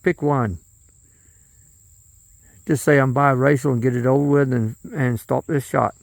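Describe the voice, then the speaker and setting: Gravelly-voiced man ranting. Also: medium pitch, a little mellow, no echo. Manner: rambling, profane, trails off and restarts. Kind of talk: rambling political monologue.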